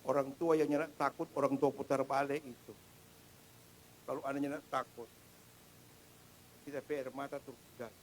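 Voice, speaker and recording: A middle-aged male pastor preaching a sermon in a church, swinging between loud proclamation and hushed storytelling. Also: mid-range voice, level tone, moderate pace, long pauses, a little hiss or hum, low-quality recording. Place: church sanctuary.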